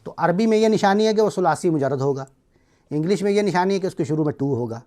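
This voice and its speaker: This middle-aged instructor has a Pakistani accent and a high, expressive, warm voice. During his classroom lecture he explains concepts one step at a time, pausing to verify his students are with him.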